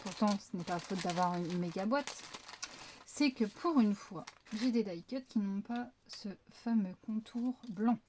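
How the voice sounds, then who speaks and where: Mellow chatty woman vlogger. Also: medium pitch, unhurried, slight background noise. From France. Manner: chatty, rambling, many fillers. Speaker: craft vlogger. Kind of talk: casual haul chat.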